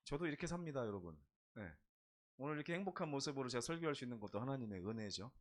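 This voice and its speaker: A man's voice: mid-range voice, animated, racing. A middle-aged male pastor preaching in a church, telling humorous stories and putting questions to the congregation. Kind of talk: sermon.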